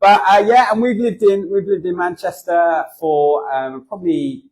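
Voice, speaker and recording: A guest speaker in his forties from southern England gives a funny, self-mocking church talk, voicing characters in his anecdotes. His voice is high and a little mellow, with fairly even intonation and normal speed, and his manner is chatty.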